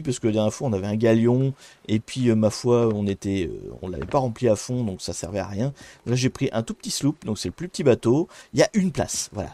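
A man's voice: mid-range voice, dark tone. A man hosting a casual live stream, chatting with viewers while gaming, hesitant with many fillers and restarts. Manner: greets chat viewers by name. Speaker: streamer hosting a cybersecurity talk show.

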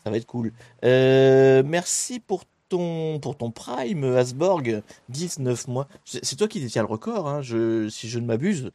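A man's voice: medium pitch, big pitch swings, measured pace, hardly any pauses, mellow, no room sound. A young man hosting a live stream in a casual, rambling way, chatting with his viewers while he plays a game, with many fillers and restarts. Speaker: streamer and host.

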